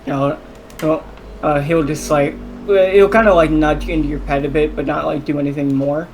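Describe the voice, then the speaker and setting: A man's voice: on the high side, fairly even intonation, normal speed, a little mellow, a little hiss or hum. A man narrating as game master, hesitant and full of fillers.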